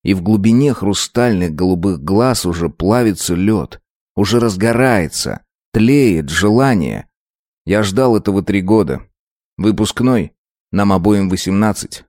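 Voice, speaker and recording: A man narrating a first-person story in a measured, dramatic reading. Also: on the low side, lively intonation, darkish tone, no echo, studio quality.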